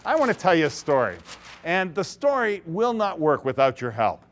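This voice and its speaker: A high-pitched male speaker with a bouncy, swooping delivery tells a story on stage to a conference crowd. He acts out the characters as he goes and breaks into laughter. His tone stays playful and engaging. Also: sing-song, normal speed, slight background noise. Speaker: keynote speaker. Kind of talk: interactive storytelling talk to an audience. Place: large conference hall.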